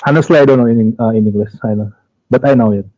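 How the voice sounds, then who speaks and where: A man from Indonesia calls in to a live show. His voice is dark and mellow, and he sounds hesitant and defensive as he reaches for English words. The call comes through a muffled, dull phone line with a dry sound. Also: medium pitch, fast, no echo. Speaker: caller. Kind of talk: phone-in conversation.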